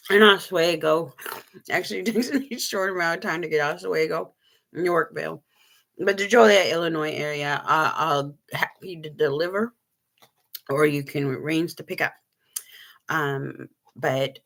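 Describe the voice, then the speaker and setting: Gravelly low-voiced woman chatting on a live stream. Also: a bit bright. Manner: rambling, many ums, shows items to camera. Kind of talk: casual live-stream chat.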